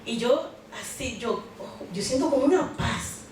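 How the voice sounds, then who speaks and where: Woman preacher, high voice, chatty sermon style with questions to the congregation; heard from a distance in a very echoey church hall. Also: animated, unhurried, a little mellow, slight background noise. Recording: very echoey hall, mic far off.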